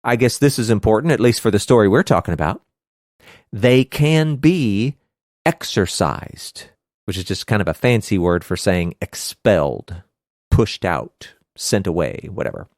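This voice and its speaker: Guy hosting a bible study podcast, super expressive voice, keeps cracking himself up, dead dry sound. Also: fairly low pitch, unhurried, dry recording. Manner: animated, laughs often, hammy outbursts. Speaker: podcast co-host teaching scripture. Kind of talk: casual Bible study discussion.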